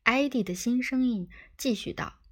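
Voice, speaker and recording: A woman narrating a comic science fiction audiobook in a measured storytelling manner. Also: on the high side. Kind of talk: scripted narration.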